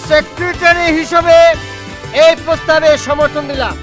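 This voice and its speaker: Man doing a squeaky, hot-headed club secretary. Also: fairly even intonation, moderate pace, over music. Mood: blustering, angry. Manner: blustering and threatening.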